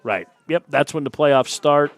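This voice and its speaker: Man calling softball play-by-play. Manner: brisk, reads lineups and calls pitches. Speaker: play-by-play announcer. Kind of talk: live softball play-by-play commentary.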